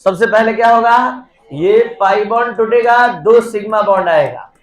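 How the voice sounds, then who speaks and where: A man's voice: sits high, normal speed. A man teaching a chemistry class, dictating reaction steps one by one and prompting students to answer. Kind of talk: classroom lecture. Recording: echoey classroom.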